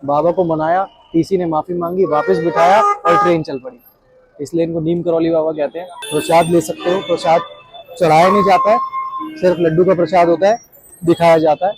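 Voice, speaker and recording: A man's voice: fairly high pitch, fairly even intonation, a little fast, loud music behind the voice, rough recording. A man talking casually to camera on a travel vlog, chatty and joking, telling stories while walking outdoors on mountain trails. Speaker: travel vlogger.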